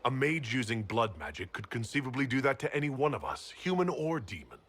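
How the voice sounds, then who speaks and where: A steady game hero leader, husky, forceful edge, really expressive pitch. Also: male voice, fairly quick. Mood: concerned, steady. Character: level-headed, indulgent male heroic leader. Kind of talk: video game character acting.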